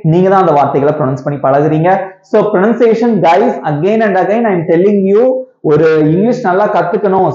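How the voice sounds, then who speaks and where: A man leads a pronunciation lesson in a mellow, slightly raised voice, repeating each sound for his learners and checking in with "okay?" and "right?". The room is roomy and echoey, and the recording sounds dull and lo-fi. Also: high-pitched. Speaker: English pronunciation teacher. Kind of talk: classroom-style pronunciation lesson.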